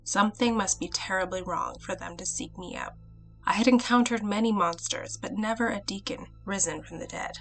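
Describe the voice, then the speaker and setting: A woman hosting a podcast and reading her own folktale retelling in a clear, measured way. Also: mid-range voice, fairly bright tone, soft background music, poor audio. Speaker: podcast host and storyteller.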